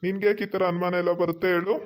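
A man acting a reassuring boyfriend in a village comedy skit, asking questions gently. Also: high-pitched, level tone, very fast.

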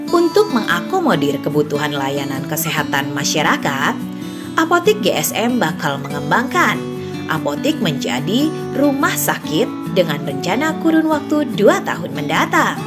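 A woman reading a scripted news voice-over as the reporter. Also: fairly low pitch. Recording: voice-over over background music.

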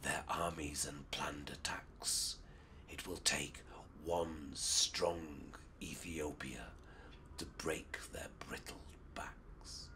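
Whispered role-play: a man playing a war general, breathy hushed vow, slow. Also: rumbling low, steady tone, voice pushed down, heavily acted. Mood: grim.

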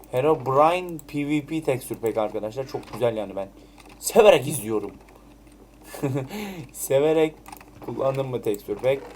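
A man's voice: on the high side, a little mellow, slight background noise. A man giving casual, chatty commentary while playing Minecraft, swearing now and then and muttering item names over and over as he crafts. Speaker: Minecraft let's play creator.

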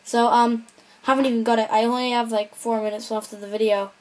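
A woman's voice: a little high, flat delivery, fairly quick. A woman rambling through casual gameplay commentary, mumbling and correcting herself as she goes. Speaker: gameplay video maker.

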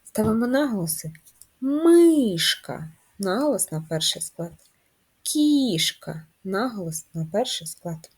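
A woman teaching a first-grade literacy lesson, speaking in a slow, drawn-out, sing-song teacher manner. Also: mid-range voice, animated, breathy edge. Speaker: primary school teacher.

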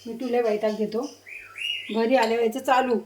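A woman's voice: fairly high pitch, level tone, normal speed, heavy background noise. A woman chatting casually at home in a vlog, calling out to her pet parrot and dog while she cooks. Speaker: vlogger. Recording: echoey room from a distance with clattering dishes.

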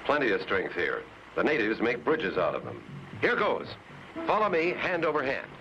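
A firm, calm adventure hero. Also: male voice, medium pitch, normal speed, faint music behind. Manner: firm and commanding. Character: brave square-jawed adventurer hero, calm leader. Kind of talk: 1950s cartoon voice acting. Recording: dull lo-fi soundtrack with loud noise.

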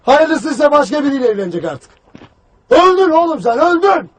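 A man's voice: very high-pitched, very animated, a little fast. An actor playing a stern army commander who berates his soldiers in a harsh, barking voice in a war film drama. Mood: berating. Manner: barking, harsh, shouts accusations at recruits.

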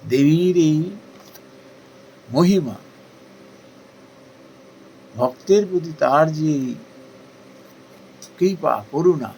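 A man's voice: on the high side, lively intonation, extremely slow, gravelly, long pauses, a little hiss or hum, poor audio. Earnest man giving a devotional talk. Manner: earnest, rhetorical questions, rising emphasis then softening. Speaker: spiritual speaker. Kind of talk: devotional discourse.

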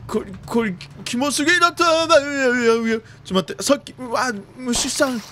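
A man doing jumpy let's-play commentary of a horror game, often repeating exclamations quickly and using old-man turns of phrase. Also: extremely high pitch, sharp tone, a little hiss or hum. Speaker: video game streamer.

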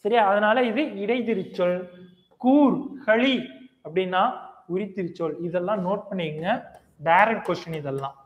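High-voiced man lecturing in an echoey hall. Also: normal speed. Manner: quizzes students, repeats key phrases. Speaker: teacher. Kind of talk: classroom grammar lecture. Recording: echoey, tinny lo-fi hall recording.

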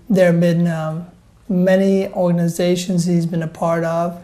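A man in his forties, born in Guyana, talks through his family's music history as a guest in a TV studio. His voice is mellow and warm. He strings long stories together with easy "uh"s between names. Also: a little high. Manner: relaxed storytelling, fillers between names. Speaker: singer, interview guest. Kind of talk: casual interview talk. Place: indoor TV studio set.

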